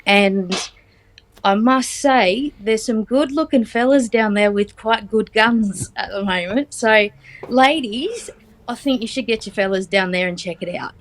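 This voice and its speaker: An Australian woman in her forties, chatting as a guest in a casual interview, filling pauses with ums and teasing lightly. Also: fairly high pitch. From Australia, Central West New South Wales. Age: 40s.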